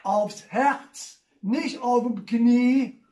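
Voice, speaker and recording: High-voiced Rhineland comedian, slow and echoey. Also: male voice, a little mellow. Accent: Rhineland German. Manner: chuckles at his own punchlines. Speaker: carnival comedian. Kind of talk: stand-up joke telling. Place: home living room. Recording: echoey room, distant mic.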